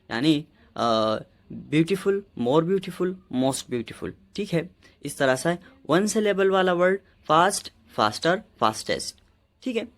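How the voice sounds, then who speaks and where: A man teaching grammar in a slow, deliberate classroom manner, drawing words out syllable by syllable, with fillers and frequent check-ins, and speaking words. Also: mid-range voice.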